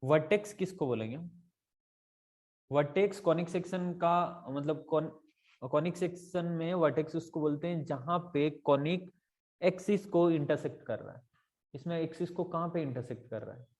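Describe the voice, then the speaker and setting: A man's voice: on the high side, moderate pace, darkish tone. A male math tutor explaining step by step in a casual tutoring lesson, often checking whether his students follow and mixing in English math terms.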